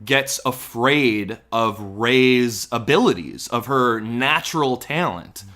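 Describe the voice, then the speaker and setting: A man co-hosting a podcast in loose, casual chat. His voice sits at an ordinary middle pitch. He rambles a little and restarts his thoughts as he goes. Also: animated, slow pace, sharp tone. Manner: rambling, restarts and fillers, playful. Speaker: podcast co-host. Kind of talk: casual chat about a movie trailer.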